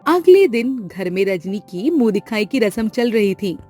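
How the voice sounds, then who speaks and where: A woman's voice: mid-range voice, unhurried, faint music behind. Woman narrating a family story. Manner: steady, plain storytelling.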